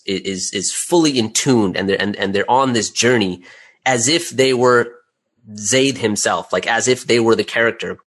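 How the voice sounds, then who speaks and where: This interview guest, who makes audio dramas and does voice acting, has a voice on the low side with a fairly bright tone. He chats casually, explaining step by step and checking in with the listener through rhetorical "right?" asides.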